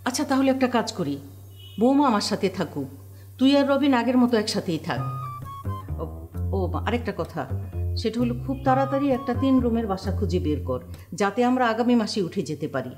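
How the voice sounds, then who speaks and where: Brief: a firm middle-aged mother, fairly high voice with lively rises, commanding. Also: a little fast, long pauses, faint music behind. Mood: stern. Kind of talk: Bangla TV drama acting.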